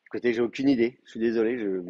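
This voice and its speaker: A man teaching an advanced Hebrew class, explaining grammar with hesitant pauses, restarts and fillers. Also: medium pitch, steady tone, warm tone. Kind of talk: classroom lecture. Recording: muffled, dry classroom recording.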